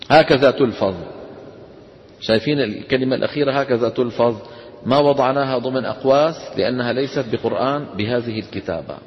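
A man teaching the rules of Quran recitation to a class. He explains step by step, asks his students questions and chants the verse examples. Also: mid-range voice. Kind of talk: classroom lesson on tajweed. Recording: dull sound with long reverb.

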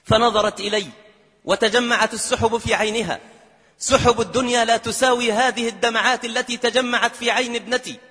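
A man's voice: very high-pitched, steady tone, fairly quick, sharp tone, husky. A man preaching a storytelling sermon with passion, at times rising into chanted verse, in a long hall reverb. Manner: impassioned, rises into chanted verse.

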